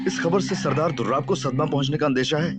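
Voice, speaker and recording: An actor playing an eccentric young detective who narrates in the first person with a deadpan, playfully evasive manner. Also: male voice, fairly high pitch, fast talker, over loud music, close to an everyday voice.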